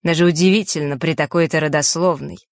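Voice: mid-range voice, fairly even intonation, quick pace, no echo, clean studio sound, close to an everyday voice. A reader voicing a smug scheming teenage boy. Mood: sneering. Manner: smooth, mock-polite, sneering. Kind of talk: audiobook character reading.

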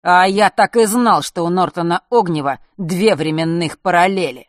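A man voicing a sharp-tongued, touchy teenage boy in an audiobook, with a sarcastic, scornful way of speaking. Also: fairly high pitch, normal speed, no room sound, clean studio sound, natural voice.

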